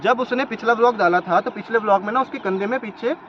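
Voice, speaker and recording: Recorded in slightly dull lo-fi sound with faint background noise, this commentary vlog features a young man outdoors arguing his case point by point. He has a high-pitched voice and speaks quickly.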